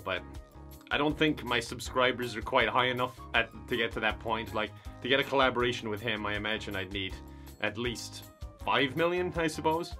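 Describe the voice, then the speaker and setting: A man talking over his gameplay in a dry, deadpan way, cracking jokes at his own expense. His voice sits at an ordinary middle pitch, with faint music playing under it. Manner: deadpan and self-mocking, quick jokes. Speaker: gaming YouTuber. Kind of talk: comedic gaming commentary.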